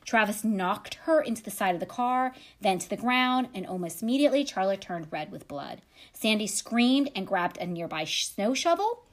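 A woman's voice: mid-range voice, animated, moderate pace. A woman podcast host retelling a true crime story with wry side comments. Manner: dramatic retelling with wry asides.

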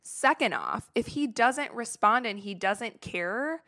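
A woman's voice: fairly high pitch, animated, takes it slowly, bright, forceful tone, no room sound, clean studio sound. A young woman, hosting a podcast and talking candidly about her fears, chatty, confessional and casual with swearing. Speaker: podcast host. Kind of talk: candid solo podcast talk.

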